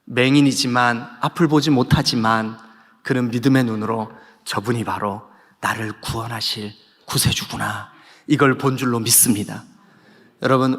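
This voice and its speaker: A male pastor preaching a sermon, emphatic, dropping to soft low passages and rising to loud shouted peaks. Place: church sanctuary. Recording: long reverb of a church hall.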